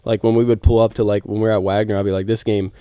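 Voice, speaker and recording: A young man with a low, mellow voice talks college baseball on a podcast, rambling and restarting his sentences as he gets worked up. The sound is dry and close. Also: level tone, racing, clear, resonant tone, dry recording, highs cut off. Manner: rambling, many restarts, heated. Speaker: podcast co-host, former college baseball player. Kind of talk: casual sports talk.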